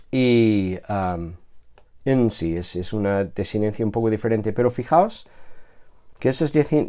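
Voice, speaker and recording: A man lecturing at an unhurried, deliberate pace. His voice is dark and mellow, and he explains patiently, pausing often on fillers and restarts, and keeps checking that his listeners follow. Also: on the low side. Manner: slow, hesitant explaining with many fillers and restarts. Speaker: Greek teacher. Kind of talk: recorded classroom lecture.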